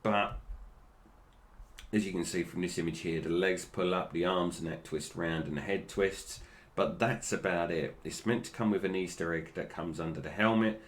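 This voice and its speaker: Deep-voiced British man with toothless diction. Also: normal speed. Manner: toothless, slightly slurred articulation with stumbles over names. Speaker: toy review host. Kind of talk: casual unscripted product commentary.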